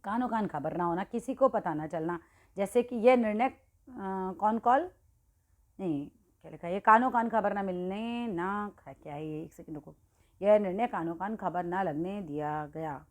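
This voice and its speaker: Unhurried and mid-range in pitch, a woman teaching Hindi walks exam students through idioms in an easygoing lesson. She talks to them directly, pauses for frequent checks, and corrects herself as she speaks.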